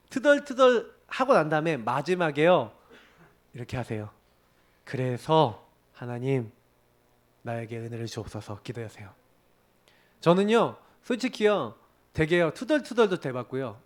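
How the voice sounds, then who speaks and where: A man preaching a sermon as pastor, telling stories and acting out prayers and complaints in quoted voices. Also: high voice. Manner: animated storytelling preacher, acts out quoted prayers and arguments.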